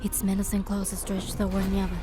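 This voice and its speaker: A woman gives solemn, dramatic scripted narration as a proud, wounded goddess in a game, telling of her suffering in a storytelling manner. Her medium-pitched voice is monotone and brisk, fairly close to everyday speech, with music behind it.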